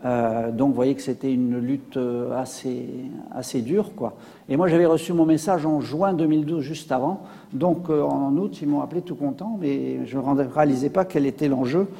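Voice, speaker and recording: A man's voice: mid-range voice, steady tone, moderate pace, vocal fry, dark tone, big-room sound. A man giving a public science lecture with slides, hesitant, with many fillers and restarts.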